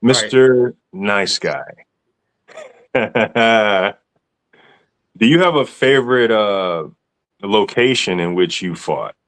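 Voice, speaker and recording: A man hosts a relaxed podcast chat. His voice sits low. He teases and jokes with slangy, playful phrasing. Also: slow, pauses often. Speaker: podcast host. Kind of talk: casual chat.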